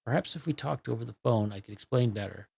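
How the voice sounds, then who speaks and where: A man's voice: mid-range voice, fast, gravelly, warm tone, slightly rough. A man voicing a polite, anxious husband who speaks earnestly and apologetically. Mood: earnest pleading. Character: anxious, polite husband worried for his wife.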